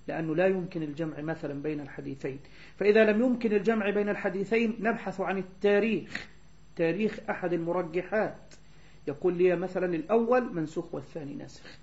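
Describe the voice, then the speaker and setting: A man gives a classroom lecture in a mellow, fairly high voice. He explains patiently and slows down to recite verses and spell out letters. The recording is dull and lo-fi. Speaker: teacher of hadith sciences.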